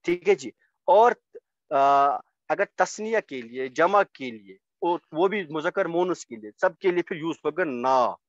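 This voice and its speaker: A man's voice: fairly high pitch, a bit bright, no room sound, muffled recording. A man teaching an online Arabic grammar lecture, explaining step by step and often checking that his students follow. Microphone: computer mic on a video call.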